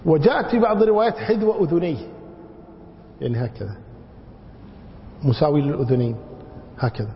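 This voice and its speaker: A male religious scholar, slightly high-voiced, teaches a book in a prayer lesson, talking a little fast with frequent pauses. He elongates words to demonstrate wrong pronunciations and chuckles as he tells anecdotes. The recording is dull, lo-fi and reverberant, made in a hall.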